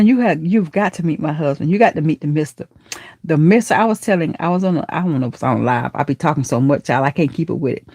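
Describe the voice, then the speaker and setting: A woman with a low voice hosts a live stream like a churchy auntie, casually chatting and reading comments aloud. She's warm and affectionate, calling viewers baby and honey, and talks about God and blessings. The recording is dry and clean, with studio sound.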